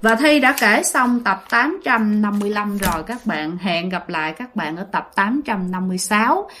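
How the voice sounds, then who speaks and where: In a sharp-toned, mid-range voice at normal speed, a woman casually narrates ghost stories. She's chatty, addresses her listeners head-on, and scatters plenty of fillers through her storytelling.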